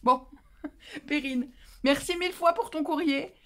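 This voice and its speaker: A woman's voice: sits high, a little slow, fairly bright tone. A tired woman hosting a casual craft chat, playful and self-mocking as she opens mail. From France. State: tired, voice going. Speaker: craft channel host.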